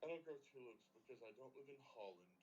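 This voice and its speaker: A man's voice: mid-range voice, lively intonation, fast, darkish tone, slightly rough, dull audio. A man on a casual podcast, firing back sarcastic, mock-serious comebacks laced with swearing. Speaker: podcast co-host. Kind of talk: casual banter among friends.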